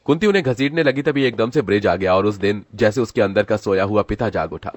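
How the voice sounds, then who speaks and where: A storyteller with a fairly low voice narrates a dramatic scripted story at a fast pace. The recording is very dry, with no room sound at all.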